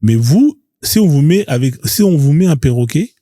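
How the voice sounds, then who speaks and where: Hosting a live stream monologue, a man with a very dark, mellow, husky voice that runs a little high speaks at a normal pace with great animation. He is mocking and confrontational, driving the same points home repeatedly, and the audio is close and dry without room echo.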